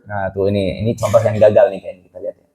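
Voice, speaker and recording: A man with a mellow, relaxed tone teaches a casual religious lesson to a young crowd. He talks in a chatty way, keeps checking whether listeners follow, and drops English phrases into everyday speech. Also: fairly low pitch, very fast, poor audio. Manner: chatty, keeps asking the audience rhetorical questions; mixes English phrases into colloquial talk. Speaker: Islamic preacher teaching youth.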